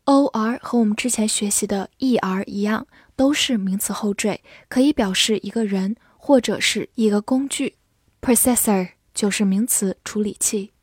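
A woman teaching English vocabulary in a scripted lesson, spelling words letter by letter and reading example sentences slowly. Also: mid-range voice, a little mellow, breathy edge, dry recording, clean studio sound.

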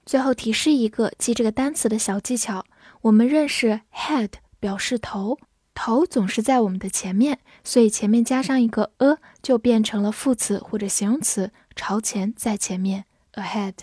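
A woman with a fairly high voice leads a scripted vocabulary lesson. She spells each word letter by letter and reads the example sentences slowly so learners can repeat them. The sound is dry and close, with almost no room echo. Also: mellow, husky. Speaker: English vocabulary teacher.

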